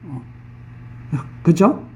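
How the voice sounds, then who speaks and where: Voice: drawn-out words, recorded from a distance. Preacher for a verse-by-verse sermon, plain casual delivery, repeats key phrases for emphasis. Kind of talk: expository Bible sermon.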